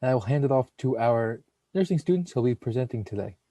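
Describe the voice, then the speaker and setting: A young man who studies nursing hosts a webinar, reading a prepared script steadily into a computer mic. His voice is medium-pitched and quick, with no echo, as he works through long lists of names and titles in this read presentation.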